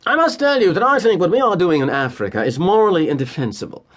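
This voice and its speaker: A man's voice: sits high, expressive, fast, a bit bright, voice pushed up. An actor voicing an indignant young British man with a British accent in an audio play, sputtering and emphatic with moral outrage. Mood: stiffly accusing. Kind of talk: audio drama acting.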